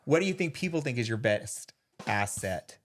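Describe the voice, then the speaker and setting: A man's voice: mid-range voice, lively intonation, normal speed, a little hiss or hum. Playful, teasing male host. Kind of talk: casual chat.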